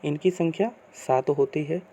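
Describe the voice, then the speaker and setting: A man teaching a grammar lesson, asking questions and answering them himself in slow, repeated teacherly phrasing. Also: a little high, dark tone, slight background noise.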